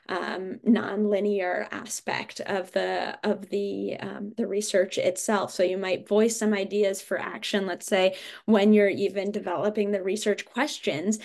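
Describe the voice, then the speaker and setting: A woman's voice: mid-range voice, creaky. A woman presenter explaining material in an informal lecture style during a training webinar.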